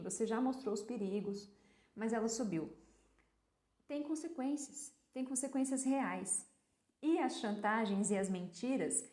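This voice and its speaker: A woman's voice: on the high side, roomy sound. Woman explaining parenting on a live stream. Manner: explains with rhetorical questions and answers; acts out gentle talks with a child. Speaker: parenting educator. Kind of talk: casual live-stream talk.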